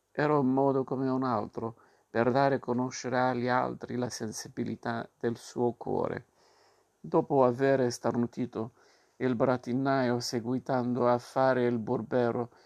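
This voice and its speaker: A man reading a classic children's tale aloud with a measured storytelling cadence. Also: medium pitch, a little mellow. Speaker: narrator.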